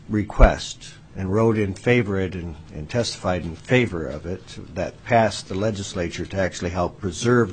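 A U.S. legislator questions a witness at a formal hearing, often restarting sentences and repeating words. His voice sits low, with slight background noise.

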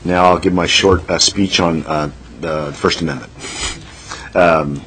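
A deep-voiced man chairs a legislative hearing. He talks plainly, with frequent ums, over a faint hum of room noise. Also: steady tone, unhurried, fairly bright tone, low-quality recording. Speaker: committee chair.

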